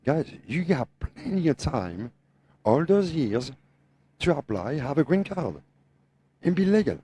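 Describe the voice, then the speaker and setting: A man's voice: on the high side, big pitch swings, a little slow, mellow, husky. A middle-aged man from France, a native French speaker with a French Tennessee accent, giving his opinions on a podcast in emphatic, repetitive, non-native English. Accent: French mixed with Tennessee. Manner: emphatic, repeats phrases, non-native grammar. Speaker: guest truck driver, owner operator.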